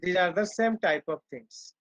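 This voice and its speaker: High-voiced slow teacher. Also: male voice, a bit bright, dry recording. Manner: slow and deliberate, switching between Hindi and English, scolding the students. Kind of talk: online class lecture. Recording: dull lo-fi online call audio.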